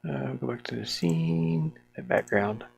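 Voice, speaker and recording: Unhurried and a little mellow, a solo game developer muses aloud at a medium pitch in a creaky voice. They casually mutter and grumble, dropping "ain't" and double negatives, while narrating their work indoors in a small warm room with a fan.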